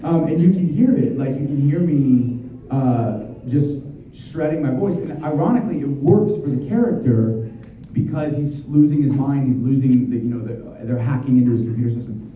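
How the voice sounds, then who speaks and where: At a convention hall panel, a voice actor in his thirties answers fans with rambling chatter, lots of fillers and false starts. He speaks at a moderate pace in a mellow, medium-pitched voice. Slight background noise sits under a distant, muffled, echoey capture.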